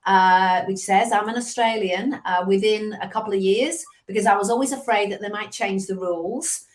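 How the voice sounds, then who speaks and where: Speaking at a moderate pace in a medium-pitched voice, this Liverpool-accented English sales coach in her fifties chats as a video call interview guest. She tells stories and throws in lively asides.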